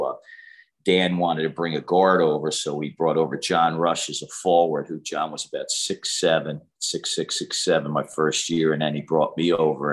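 Low-voiced man telling stories. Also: slightly rough. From United States. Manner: rambling, many fillers and restarts. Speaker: basketball shooting coach, guest. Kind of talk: casual storytelling interview.

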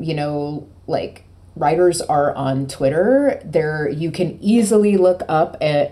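A woman's voice: deep voice, warm tone. A woman co-hosting a podcast, chatting in a rambling, playful way with many fillers. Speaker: podcast co-host, PR agency. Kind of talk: casual podcast chat.

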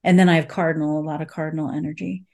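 Hosting a laid-back podcast chat, this woman halts and gropes for words, saying "like" constantly as she poses open, curious questions. She has a deep, mellow voice with a flat delivery.

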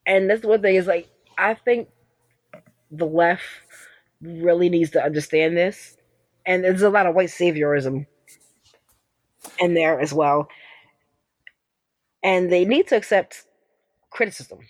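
A woman activist from the United States, talking in an emphatic, animated way in a casual interview and acting out the exchanges she describes. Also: fairly low pitch, measured pace, long pauses, no echo. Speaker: activist guest.

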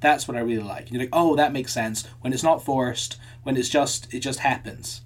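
A man's voice: medium pitch, steady tone, moderate pace, husky. A man co-hosting a podcast in casual chat, thinking aloud with frequent restarts and repeated words. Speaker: podcast co-host.

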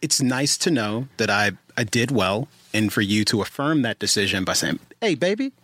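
A man's voice: on the low side, normal speed, sharp tone, no echo. A man hosting a podcast in a studio, talking in a dry, playful way with a few hesitant fillers. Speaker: podcast host. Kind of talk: casual chat.

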